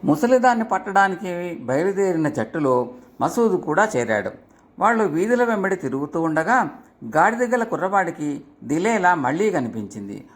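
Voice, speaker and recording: Animated male storyteller. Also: high voice, normal speed. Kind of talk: storybook narration.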